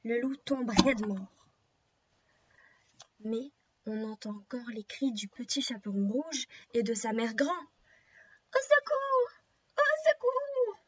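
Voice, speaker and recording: A teacher reading a story aloud to young children, slowly and gently, stopping to explain words and ask questions. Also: female voice, a little high, slightly rough. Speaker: preschool teacher. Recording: slightly dull lo-fi recording.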